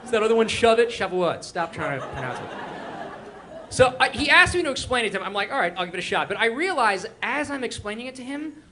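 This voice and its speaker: Fast, lively stand-up comedian on stage. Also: male voice, very high-pitched. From Israel. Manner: quick, animated crowd work with mock voices. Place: live comedy stage before an audience. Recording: live room with faint crowd noise.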